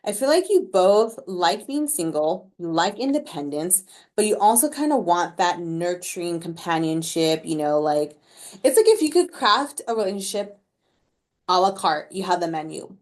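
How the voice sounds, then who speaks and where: Chatty low-voiced woman reading tarot. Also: big pitch swings, moderate pace, darkish tone. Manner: chatty and slangy, with many "like" fillers; playful, laughing at her own remarks. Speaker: tarot reader. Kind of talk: casual collective tarot reading to camera.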